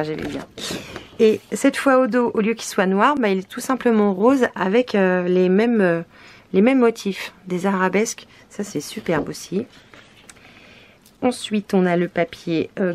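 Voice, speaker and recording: A French woman who makes scrapbooking videos chats casually as she unboxes and shows craft papers, hesitating often and using many fillers. Her voice is mid-range and a little mellow.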